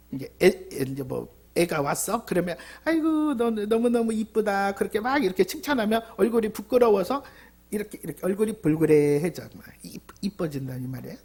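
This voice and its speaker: Woman preaching with lively rhetorical questions. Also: mid-range voice, slightly rough. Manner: asks the congregation rhetorical questions, repeats key words. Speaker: pastor. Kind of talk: sermon. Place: church.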